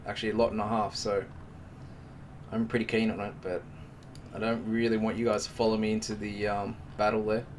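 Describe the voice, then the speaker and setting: A man's voice: fairly low pitch, flat delivery, a little fast, distant mic, a little hiss or hum. Chatty man doing live market commentary. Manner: chatty and joking, talks to the viewers as mates. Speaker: live-stream trading host.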